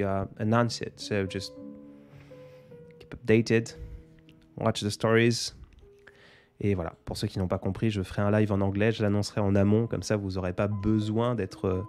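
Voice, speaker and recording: A man's voice: fairly low pitch, darkish tone. A man in his twenties hosting a casual live Q&A, rambling and hesitant with lots of fillers, poking fun at himself. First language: French. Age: 20s. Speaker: live stream host. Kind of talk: casual live Q&A answering viewer comments.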